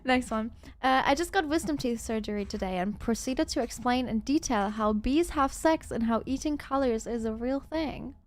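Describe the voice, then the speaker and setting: A woman's voice: on the high side, normal speed, hardly any pauses. A woman from Germany in casual chat as a co-host, playful and prone to giggling. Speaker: co-host of confessions show.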